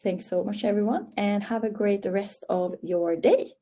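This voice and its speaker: Her voice is medium-pitched and dark, unhurried and measured: a young woman from Sweden, English her second language, speaking with a Swedish accent. She's presenting a live online training webinar over a webcam video call. She keeps things friendly and upbeat, reading audience responses aloud.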